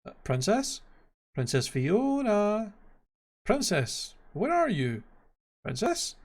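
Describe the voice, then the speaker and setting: A man voicing an excitable, chatty donkey sidekick from an animated fairy tale, talking in a colloquial, exclamatory way. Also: sits high, takes it slowly, pitched above the performer's own voice, heavily acted. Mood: uneasy.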